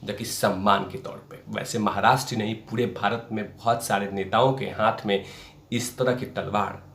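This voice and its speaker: This man hosting a political commentary show has a lowish, fairly bright voice with fairly even intonation and a normal speed. He speaks emphatically and repeats phrases for effect, and the roomy, echoing recording carries slight background noise.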